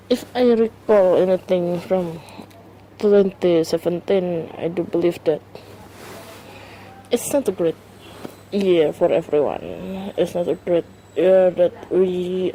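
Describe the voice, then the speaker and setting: Recording alone at home on her phone, a non-native English speaker launches her first solo podcast with a casual monologue, hesitating often and restarting with many fillers. Her lowish, mellow voice takes its time, and the low-quality audio carries slight background noise.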